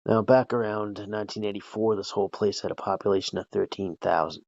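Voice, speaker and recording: Man, podcast host, deep, gravelly, casual profane storytelling, dull lo-fi audio. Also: fairly even intonation, a little fast, darkish tone, dry recording. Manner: loose, profane, conversational with frequent "right?" and "like". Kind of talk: casual true-crime storytelling.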